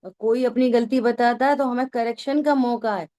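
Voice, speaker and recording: High-voiced woman teaching a scripture class. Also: fairly even intonation, normal speed, dark tone. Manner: conversational, keeps checking that listeners follow. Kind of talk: religious discourse to a class.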